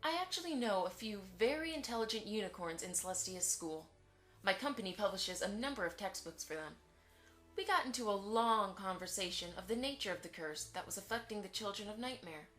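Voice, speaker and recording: In a fan audio drama, a woman plays a pony publisher, a polite but prying socialite who is formal, courteous and pointedly inquisitive. Her natural, medium-pitched voice is fairly quick and a bit bright, with lively intonation and a probing, insinuating mood. Faint music plays behind her.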